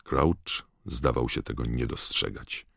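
Guy with a super low voice reading an audiobook, calm measured pace, dead dry recording. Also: creaky, no echo. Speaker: audiobook narrator. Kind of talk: scripted narration.

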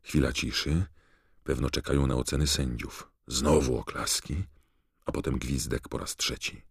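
A man narrating an audiobook in a measured, steady reading. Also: extremely low pitch, creaky, slightly rough, no echo, studio quality. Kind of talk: scripted narration.

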